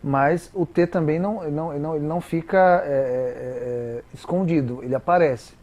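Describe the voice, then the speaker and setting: A Brazilian man with a Brazilian Portuguese accent, a guest explaining English pronunciation in a didactic, halting way with many repeated words. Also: fairly high pitch, a little mellow, muffled recording. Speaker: interview guest, English teacher. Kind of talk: explanatory interview talk.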